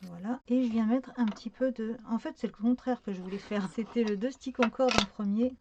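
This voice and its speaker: Chatty lady showing a card craft, lots of euh and restarts, warm mellow voice, a bit muffled audio. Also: a little high, fairly quick, slight background noise. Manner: chatty, hesitant with many fillers and self-corrections. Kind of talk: casual craft tutorial.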